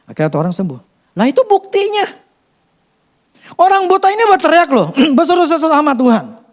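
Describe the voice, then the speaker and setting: A man preaching a sermon as pastor, conversational and lively, swinging between loud bursts and hushed asides. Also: very high-pitched, brisk.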